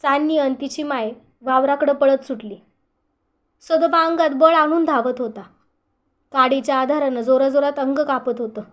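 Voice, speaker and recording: Woman, high voice, storyteller, scripted story narration, steady earnest read. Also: moderate pace.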